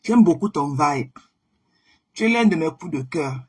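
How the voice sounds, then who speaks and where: A woman hosting a casual live stream, chatting warmly with viewers and greeting them by name, often repeating herself. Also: low-pitched, lively intonation, measured pace, husky. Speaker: livestream host.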